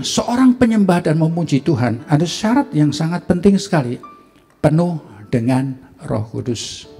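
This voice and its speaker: A middle-aged man with an Indonesian accent, preaching a sermon as a pastor and telling a personal story, acting out the dialogue in a livelier, higher voice. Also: mellow, slightly rough. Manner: storytelling, acts out dialogue with rising pitch, laughs. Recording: faint music behind.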